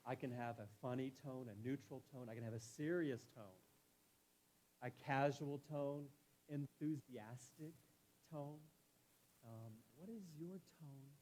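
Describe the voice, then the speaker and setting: Middle-aged guy preaching in church, chatty and folksy, mellow warm tone, bit of hiss behind. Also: medium pitch, moderate pace, rough recording. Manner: folksy, anecdotal, playful asides. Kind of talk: conversational sermon.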